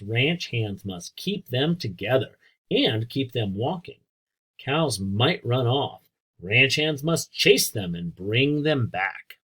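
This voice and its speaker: Addressing young listeners directly and quizzing them with questions, a husky-voiced American man reads aloud as a teacher would, breaking off for asides. His explanations are simple, his pace relaxed, and his pitch lively and varied.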